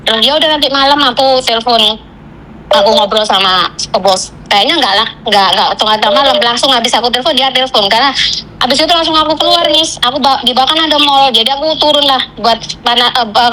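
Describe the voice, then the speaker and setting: A woman on a phone call, venting about her job in rushed, broken sentences. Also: a little high, pushed and bright, slight background noise. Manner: venting, tells a story in rushed fragments with Javanese fillers. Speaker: caller, migrant domestic worker. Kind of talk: casual chat.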